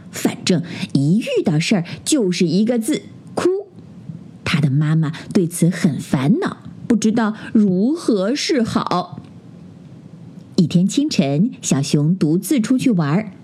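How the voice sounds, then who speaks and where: A woman hosting a children's story program, telling a bedtime story in a gentle, sing-song way. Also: mid-range voice, slightly rough.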